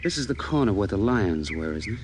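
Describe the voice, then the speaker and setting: A man's voice: on the low side, very animated, a little fast, background noise. A man playing a stern, worried middle-aged American father, firm and emphatic, in 1950s radio drama style. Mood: uneasy. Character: stern, worried father unsettled by his automated house. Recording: old radio recording with music bed.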